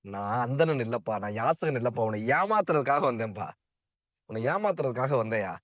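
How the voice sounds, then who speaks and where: A man voicing the god Krishna, male and divine, speaking low with remorse and earnest kindness. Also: expressive, fairly quick, a bit bright, no echo, clean studio sound, lightly acted. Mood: remorseful.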